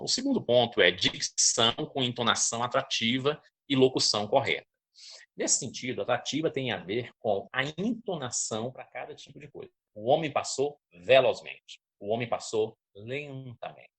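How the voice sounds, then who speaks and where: A man from Brazil, teaching a lecture on public speaking, often checking in with his listeners. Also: lowish voice. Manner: didactic, checks in with listeners, lively emphasis.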